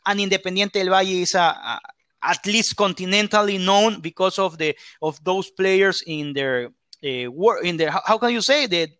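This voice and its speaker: High, bright-voiced man. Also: no echo. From Ecuador. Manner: halting, searches for English words. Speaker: football pundit guest. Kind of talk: interview.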